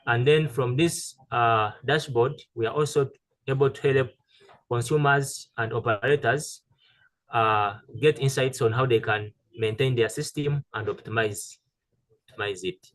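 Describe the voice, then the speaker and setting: A man giving a halting technical presentation over a video call, with many fillers and restarts. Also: medium pitch, fairly bright tone, rough recording. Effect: heard over a video call. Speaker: presenter pitching a solar tool.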